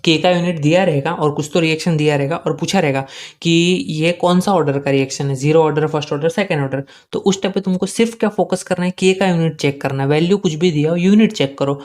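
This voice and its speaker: A man's voice: fairly high pitch, a little mellow. Man teaching chemistry, quizzing aloud. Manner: asks himself questions and answers them, repeating key points; slowly dictates key statements in English. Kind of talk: exam-prep lecture.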